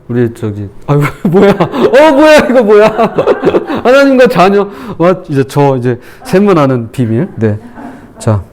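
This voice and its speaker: A male pastor preaching a sermon in an animated way, acting out the speech he quotes with feeling. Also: sits high. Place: church.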